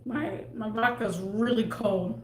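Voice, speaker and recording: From her desk at home, a woman live streams, chatting in a rambling, casual way and trailing off mid-thought. Her voice is a little high, slow and darkish, in an echoey room with faint background noise.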